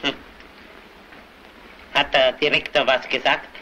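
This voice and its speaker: A pompous, excitable old bank cashier. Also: male voice, mid-range voice. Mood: offended. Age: older. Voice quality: pompous, lecturing, fast and fluttery when agitated. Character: fussy, excitable older male bank cashier. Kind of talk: early sound-film acting. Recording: hissy, muffled 1930s film soundtrack.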